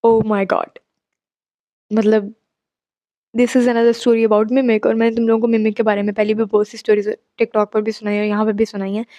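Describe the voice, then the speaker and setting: A woman's voice: a little high, completely flat delivery, a little fast, mellow, no echo, highs cut off. A young woman casually telling a horror story, chatty and mixing in English asides. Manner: chatty, mixes English asides, exclaims at the listener.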